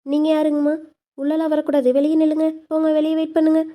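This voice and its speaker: A child putting on a lower voice to play a stern nurse who orders visitors out of the ward. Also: completely flat delivery, quick pace, mellow, lightly acted. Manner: stern, commanding.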